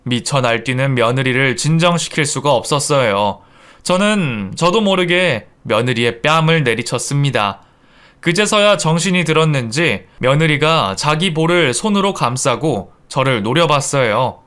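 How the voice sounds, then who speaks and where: A man's voice: mid-range voice, expressive, moderate pace, fairly bright tone, smooth. A man narrating a radio drama in a confiding storytelling tone.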